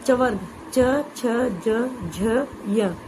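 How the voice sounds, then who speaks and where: A woman teaches an exam-prep grammar lesson, explaining patiently, saying "okay" often and spelling out letters slowly. Her voice is a little high, and there's noise in the background.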